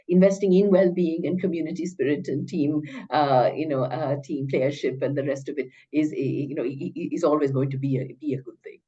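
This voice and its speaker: A middle-aged woman professor with a lowish, very mellow voice, heard on slightly dull audio. She reasons out loud in careful scholarly phrases, hesitating and stammering over words as she goes. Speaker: academic researcher, professor. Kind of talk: interview answer, academic discussion.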